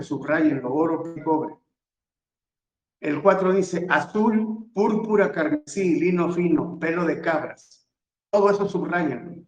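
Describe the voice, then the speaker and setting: A man teaches scripture verse by verse, slowly and deliberately in a fairly high voice. He walks his listeners through the text step by step, telling them what to underline and circle. His voice rings in an echoey room. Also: muffled recording. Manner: methodical, repeatedly tells listeners to underline and circle words. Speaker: Bible teacher.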